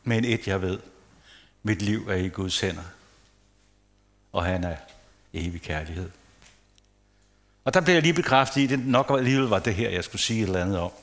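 Conversational Danish preacher. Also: male voice, on the low side, pauses often, fairly bright tone. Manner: conversational, asks the audience questions, playful asides. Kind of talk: casual sermon to a congregation.

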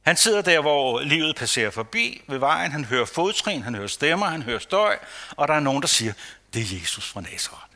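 A man preaching a sermon, rhetorical and repetitive for emphasis, sometimes dropping to a hushed near-whisper. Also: fairly high pitch, sing-song. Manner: rhetorical, repeats phrases for emphasis. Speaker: pastor.

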